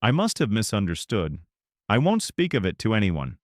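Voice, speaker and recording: A man's voice: fairly low pitch, wildly swooping pitch, moderate pace, dry recording, studio quality. A man reading the lines of a nervous young noblewoman who speaks formally and carefully. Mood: polite.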